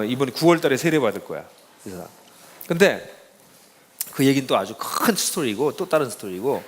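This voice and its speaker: A middle-aged pastor giving a casual talk to students, telling stories in an animated, informal way. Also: male voice, mid-range voice, big-room sound. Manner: lively storytelling, casual speech to young listeners.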